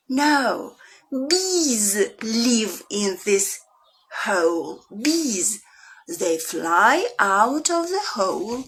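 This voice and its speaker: A woman with a Russian accent, an English teacher for young children, reading a picture book aloud with big leaps up in pitch and slow, drawn-out questions. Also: breathy edge. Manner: animated storyteller with big swoops up in pitch.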